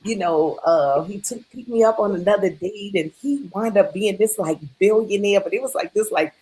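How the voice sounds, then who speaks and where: Woman, talk show co-host, casual chat, animated, middle pitch. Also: normal speed, low-quality recording. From New Orleans family roots. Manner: animated storyteller, slips into voices.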